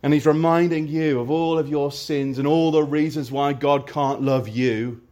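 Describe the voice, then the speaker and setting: A man preaching a sermon with passion, rising to loud declarations and dropping to quiet, conversational storytelling. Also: a little high, steady tone, normal speed. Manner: impassioned, swings between loud exclamation and quiet storytelling.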